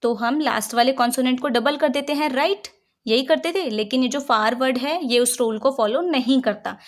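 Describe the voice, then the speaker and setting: Woman teacher patiently explaining grammar. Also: high voice. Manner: patient, checks understanding with frequent rhetorical questions; reads English rules slowly, then explains them in Hindi. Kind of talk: explaining grammar rules in Hindi mixed with English.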